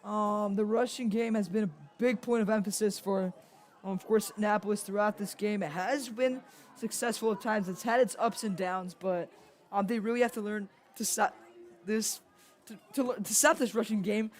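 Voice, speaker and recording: A young man calling a high school football game, casual, leaning on stock phrases. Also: steady tone, normal speed. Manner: casual, repeats stock phrases like "of course" and "indeed". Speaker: play-by-play commentator.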